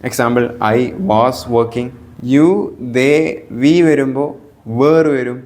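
This is a man with a Malayali accent teaching English grammar. His pitch is mid-range and even, and he talks in a calm, methodical way. He pauses to say each example sentence slowly and with care. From Kerala. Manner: patient, repeats each example slowly and steadily.

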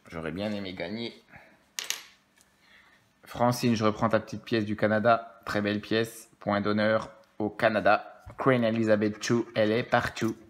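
A jokey man riffs through his scratch cards in a relaxed, casual commentary. He reads the numbers aloud and answers his viewers as he goes. Faint noise hums behind his voice. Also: lowish voice. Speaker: scratch-card streamer.

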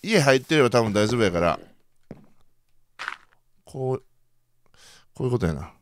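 A young man with a Kansai accent commentating his own game play, bursting into loud reactions and then muttering quietly. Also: moderate pace, slight background noise. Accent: Kansai Japanese. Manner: excitable, reacts loudly to surprises, then mutters low. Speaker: gaming channel host.

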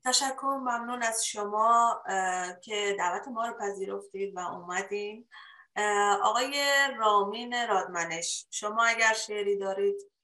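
A woman's voice: medium pitch, bright, forceful tone, reverberant, low-quality recording. A woman hosting a poets' round table, politely inviting each guest to speak, with hesitant fillers. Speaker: host.

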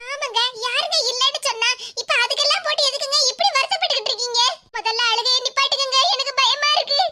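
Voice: very high voice, fast talker, background noise. A voice actor playing a worried middle-aged cartoon wife and mother in Kanyakumari Tamil, who coaxes and frets aloud. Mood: pleading. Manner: coaxing, repeats pleas, frets aloud to herself. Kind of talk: cartoon comedy voice acting.

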